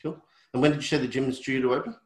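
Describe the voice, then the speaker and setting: A man's voice: medium pitch, steady tone, rapid-fire. A man co-hosting a podcast, joking around in playful banter. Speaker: podcast co-host. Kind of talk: casual podcast chat. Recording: echoey room.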